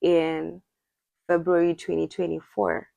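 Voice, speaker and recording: This podcast co-host, a young woman from Zimbabwe, shares a story with plenty of laughter during casual chat. Her fairly low voice is creaky and warm but monotone, delivered at a measured pace with no room sound.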